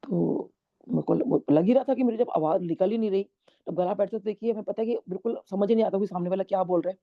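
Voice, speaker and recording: A woman's voice: medium pitch, quick pace. A middle-aged woman telling a devotional testimony to a congregation in an earnest, storytelling way, slipping English words into her speech. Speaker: satsang speaker sharing a testimony. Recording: dull lo-fi recording.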